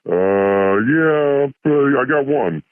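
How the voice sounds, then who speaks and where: Disguised caller through a voice changer. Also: male voice, mid-range voice, expressive, extremely slow. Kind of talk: casual phone-in chat. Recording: tinny phone line.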